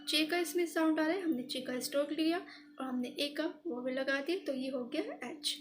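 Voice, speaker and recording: A woman's voice: sits high, moderate pace, slight background noise. A woman explaining a shorthand lesson step by step, patient and repetitive, pointing out each stroke. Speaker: shorthand teacher.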